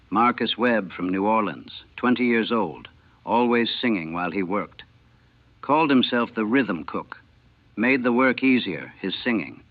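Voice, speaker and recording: In first person, a former navy cook relays his wartime memories through clipped, terse fragments, measured and grave. His voice is medium-pitched, captured with no room sound on a dry, tinny, narrow-band 1940s recording.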